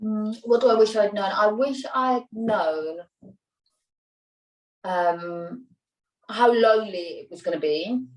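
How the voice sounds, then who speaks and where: A Welsh woman in her thirties talks loosely in a casual interview, rambling and restarting her sentences. Her voice sits at a middle pitch. It sounds roomy and slightly distant from the microphone. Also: takes it slowly, long pauses, darkish tone. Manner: chatty, rambling, with many fillers and restarts. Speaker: interview guest, mother. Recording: roomy sound, voice a little off-mic.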